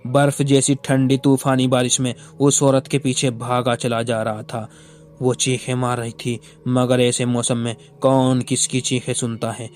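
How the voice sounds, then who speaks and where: A man's voice: mid-range voice, completely flat delivery, measured pace, a little mellow, lightly acted. A man voicing a remorseful male ghost, centuries old, tearfully confessing his murders in a storybook tale.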